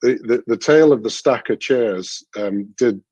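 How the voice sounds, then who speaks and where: A man chatting on a charity livestream, halting and full of dry self-deprecating humour. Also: mid-range voice, a little mellow, slightly rough, no room sound. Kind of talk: casual video-call chat.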